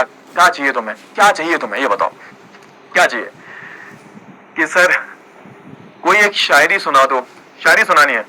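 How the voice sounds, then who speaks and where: Man, teacher, live online lecture, chatty and joking, very bright tone. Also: on the high side, low-quality recording. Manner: chatty, playful, switches to English words.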